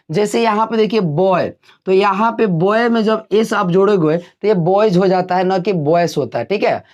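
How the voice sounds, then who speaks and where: Guy teaching english sounds, keeps asking the class then answers low himself. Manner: drills with repeated questions, answers dropping low. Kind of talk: classroom lesson explaining pronunciation.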